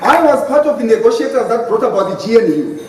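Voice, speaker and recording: At a hotel conference hall, a middle-aged Zimbabwean-accented man gives an impassioned, emphatic debate speech as a party panelist, mixing English with Ndebele. His very high, expressive voice comes fast over a noisy crowd, recorded with a distant mic in a very echoey hall with faint noise.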